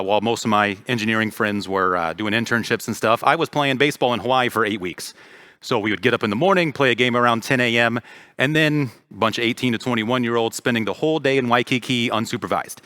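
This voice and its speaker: A man in his thirties from Florida speaks in a mid-range, bright, forceful voice, recorded at studio quality. As league president, he gives parents a casual, friendly talk full of ums and uhs, holding a handheld mic in a church hall.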